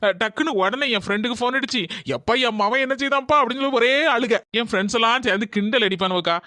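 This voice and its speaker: A young cartoon son with a Kanyakumari Tamil accent, breezy and a little fed up. The voice sits at a middle pitch, bright and quick, with a dry, close sound. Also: female voice, no echo. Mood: exasperated. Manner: breezy, complaining. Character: easygoing young adult son, mildly exasperated.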